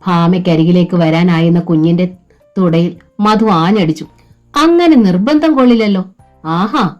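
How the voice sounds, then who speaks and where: A woman's voice: fairly low pitch, darkish tone. A woman narrating a novel as an audiobook, telling it steadily and acting out the quoted lines.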